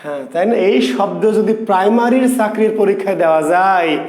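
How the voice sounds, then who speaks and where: A man's voice: sits high, normal speed, darkish tone, reverberant. A man teaching grammar, playful and teasing, quizzing students by name. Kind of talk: online grammar lesson.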